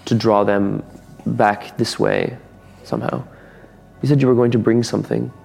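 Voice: medium pitch, steady tone, normal speed, vocal fry, a little mellow, husky. A tabletop game player chatting casually and talking in character about the game. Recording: reverberant hall, faint music behind.

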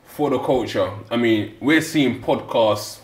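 A man's voice: mid-range voice, unhurried, slight background noise. A man with a London accent interviewing in a casual chat, often repeating and circling back on his phrases. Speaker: podcast interviewer. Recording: roomy echo.

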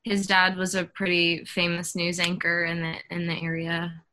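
A woman from Kentucky with a Southern American accent, a guest on a casual film podcast, easygoing and quick to laugh. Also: lowish voice, completely flat delivery, pushed and bright. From Kentucky, USA. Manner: easygoing, laughs often, slow-spoken.

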